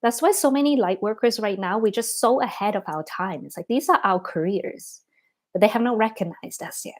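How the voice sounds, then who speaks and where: Casting: woman, thirties, mid-pitched, easygoing livestream host, loose and filler-heavy. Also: fairly quick. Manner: chatty, frequent "like" and "um" fillers, laughs between thoughts. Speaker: spiritual teacher answering viewer comments. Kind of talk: casual livestream chat.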